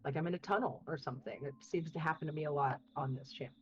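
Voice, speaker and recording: Low-voiced and fast-talking, a woman chats her way through upbeat, casual race commentary packed with fillers. Her built-in webcam mic makes her sound muffled, like she's inside a tunnel, and there's slight background noise.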